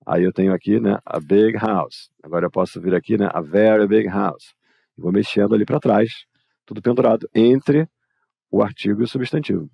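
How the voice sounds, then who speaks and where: A man's voice: on the low side, moderate pace, gravelly, slightly rough, dry recording, dull audio. A man with a Brazilian Portuguese accent teaching English grammar in a live online lesson, explaining informally and talking straight to his students.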